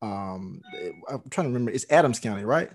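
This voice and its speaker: A man's voice: medium pitch, animated, fairly quick, soft background music. A man hosting a casual interview, asking questions in a conversational way and repeating phrases as he frames them. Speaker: interviewer, host.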